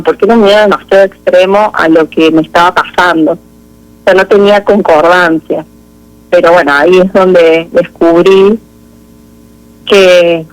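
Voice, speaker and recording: A woman with an Argentine Spanish accent, appearing as an interview guest, gives a hesitant, introspective account of her own life. Her pitch is fairly low and the recording is rough.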